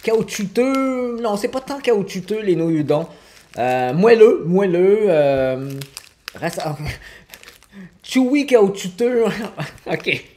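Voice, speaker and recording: A man's voice: high voice, very animated, slow pace, pauses often, darkish tone. A man from Quebec speaks with a Québécois accent, talking loosely and full of fillers as he cooks in his home kitchen. He chats to viewers as he goes, recorded by a camera on the counter. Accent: Québécois French. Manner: chatty, many fillers, answers chat viewers. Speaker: cooking livestreamer. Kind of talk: casual live cooking stream. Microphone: fixed camera on counter.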